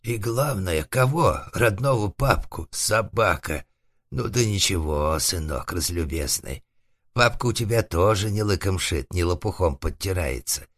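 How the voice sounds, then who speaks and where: A man voicing a coarse, vengeful old organ grinder who threatens and swears in a rough voice, in an audiobook. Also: low-pitched, lively intonation, a little slow, fairly bright tone, dry recording, heavily acted. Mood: aggrieved.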